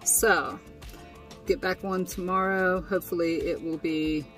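A woman's voice: fairly low pitch, fairly even intonation, unhurried, a bit bright, distant mic, faint music behind. Chatty young woman vlogging from a tent. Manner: chatty, with frequent fillers and laughs. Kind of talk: casual vlog recap. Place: inside a tent, small and indoors.

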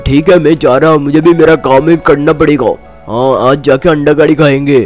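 A man doing a gentle, reassuring healer. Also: a little high, steady tone, brisk, faint music behind, natural voice. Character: kind helper man healing animals, reassuring.

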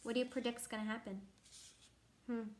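Young woman reading a kids book out loud, kinda high voice, lots of questions to the kid. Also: moderate pace, slight background noise. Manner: animated storybook reading with questions to the listener. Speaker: reader to a child. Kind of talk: reading a picture book aloud.

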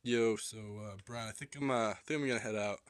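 A man's voice: medium pitch, quick pace, natural voice. A young man playing a polite but skeptical friend who hesitates, stammers and questions what he is shown in a basement. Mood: hesitant, doubtful. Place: cluttered home basement.

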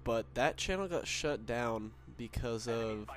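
A man's voice: mid-range voice, animated, takes it slowly. Sick, nasal young man rambling. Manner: rambling, many fillers, swears casually. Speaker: gaming commentator. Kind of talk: casual gameplay commentary. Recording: noisy with game gunfire behind. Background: game gunfire.

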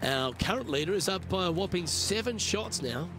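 Golf commentator for a video game: measured, approving, slightly high voice, music behind. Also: male voice, lively intonation. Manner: measured broadcast play-by-play in short remarks. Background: music, crowd, outdoor course ambience.

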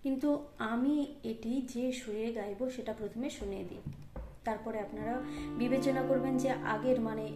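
A woman leads a harmonium lesson. She talks through each phrase calmly, then sings it and calls out the notes. The room is echoey and the harmonium plays loudly under her. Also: fairly high pitch, moderate pace, music in the background. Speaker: harmonium teacher. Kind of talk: music lesson, speaking and singing. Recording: roomy sound with loud harmonium.

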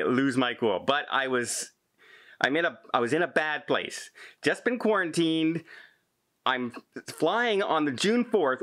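A man's voice: mid-range voice, pushed and bright. A man in his fifties from Canada, a travel vlogger telling an exasperated story straight to camera, gesturing as he retells an argument.

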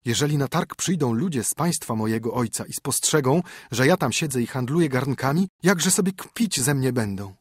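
A man's voice: mid-range voice, lively intonation, moderate pace, hardly any pauses, breathy edge, no room sound. A man reading a fairy tale audiobook, voicing a proud young princess fallen into poverty, speaking plaintively. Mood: lamenting. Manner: plaintive, lamenting.

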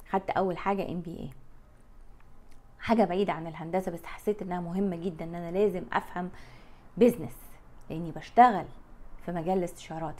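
A blunt, plain-spoken Egyptian woman in her forties, coaching her viewers straight to camera. Her voice sits a little low, and she talks with her hands. She is close on a lapel mic. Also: a little mellow. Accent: Egyptian Arabic. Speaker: life coach vlogger. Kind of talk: talking to camera. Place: bright room by a window.

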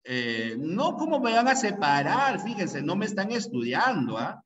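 Unhurried and a bit bright, his high-sitting voice swings widely in pitch as this male Peruvian teacher drills language rules in a pre-university classroom. He asks checking questions frequently. The sound is dull, picked up from afar in an echoey space.

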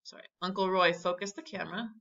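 A woman's voice: on the low side, steady tone, quick pace, gravelly, a bit bright. A woman teacher reading a children's book aloud with expression, stopping to explain and ask questions. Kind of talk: read-aloud storytime with questions. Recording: muffled lo-fi audio.

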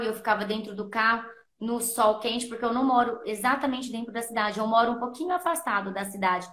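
A woman's voice: medium pitch, a bit bright. A woman guest on a podcast, earnestly telling her own story in a casual interview and replaying her past thoughts as quotes. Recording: roomy echo.

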